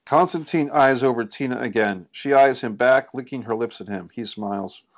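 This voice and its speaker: During a screenplay table read on a group video call, a man reads the scene headings and stage directions as scripted narration. He speaks at normal speed in a mid-range voice, picked up indoors by a computer or headset mic that cuts off the highs.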